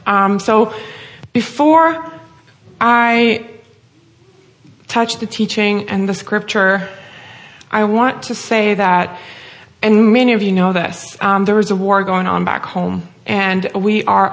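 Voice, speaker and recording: Woman, Russian accent, preacher, sermon, mid-range voice, earnest, heartfelt. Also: medium pitch.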